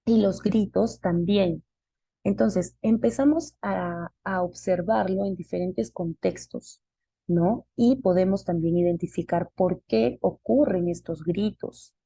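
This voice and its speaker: A woman teaches a live online class, explaining things step by step and posing questions that she answers herself. Her voice is on the low side, slow, gravelly, husky and mellow, with no echo.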